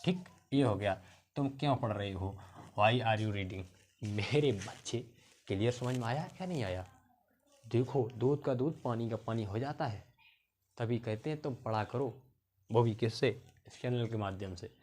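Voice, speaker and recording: A man's voice: medium pitch, darkish tone. Male tutor explaining grammar step by step. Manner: explains step by step, asks the pupils questions again and again; slows down to spell out words. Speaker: English grammar teacher. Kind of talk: classroom grammar lesson.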